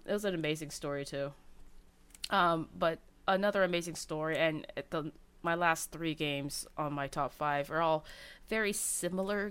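A woman with a notably low voice talks casually about her favorite video games. She rambles, stacking fillers and restarting sentences as she goes. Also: clear, resonant tone. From Cantonese family background.

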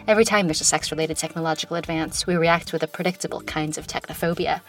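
A woman hosting a podcast, reading a scripted opinion piece in a smooth, composed, conversational way with wry touches. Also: low-pitched, fairly even intonation, quick pace, fairly bright tone. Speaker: podcast host. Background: music.

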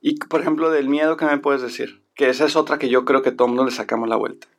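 A man's voice: medium pitch, steady tone, fast talker. A man talking casually and reflectively in a conversation, often restarting his sentences. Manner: reflective, many restarts and fillers.

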